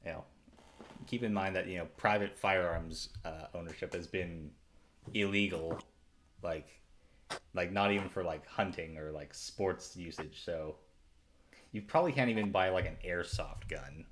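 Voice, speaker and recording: A man's voice: sits low, moderate pace, a bit bright, slight background noise. A man acting as game master, narrating a tabletop game in a hesitant way, full of fillers and restarts.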